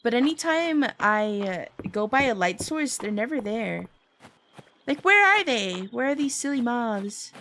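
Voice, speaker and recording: A woman's voice: a little high, big pitch swings, unhurried, fairly bright tone, a little hiss or hum. A woman chatting casually on a gaming livestream as host, with a cute, bubbly anime-streamer delivery. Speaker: livestream host playing a video game.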